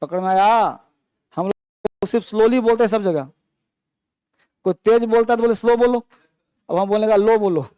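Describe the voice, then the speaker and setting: A man's voice: high voice, moderate pace, pauses often, dark tone, smooth, no room sound. A man teaching an online English grammar class, explaining patiently and mixing with English words. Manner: patient explaining, mixing Hindi and English, calls students beta and babu.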